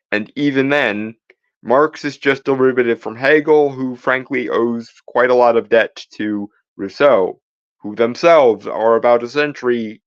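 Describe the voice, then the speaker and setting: A man's voice: mid-range voice, dry recording, muffled recording. A man co-hosting a podcast, lecturing emphatically and rebutting a reading, restarting phrases as he argues. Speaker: podcast co-host. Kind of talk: argumentative commentary.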